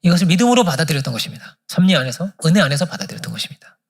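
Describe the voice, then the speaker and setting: A male pastor delivers a midweek sermon in a church with quick, lively delivery. His voice is somewhat husky and sits a little high. He acts out the prayers and dialogue of his story as he goes. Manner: animated storytelling, acting out quoted prayers. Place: church sanctuary.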